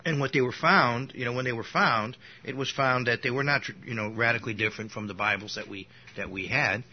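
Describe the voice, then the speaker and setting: A man with a mid-range voice gives an informal Bible lesson, talking a little fast. He rambles, keeps restarting sentences, drifts into asides, and coughs now and then. The lo-fi recording sounds dull, with a little hiss or hum.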